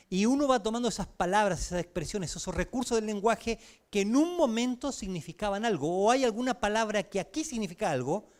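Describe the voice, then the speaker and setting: A man's voice: sits high, a little mellow. A man with a Chilean accent preaching a sermon as pastor in a church service, talking conversationally with everyday examples and questions to the congregation.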